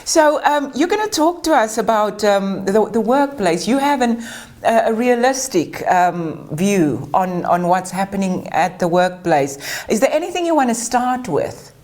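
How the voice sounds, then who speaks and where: A woman's voice: mid-range voice, very animated, unhurried, a little mellow. A woman hosting a webinar interview, chatty and hesitant, with many fillers. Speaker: webinar host.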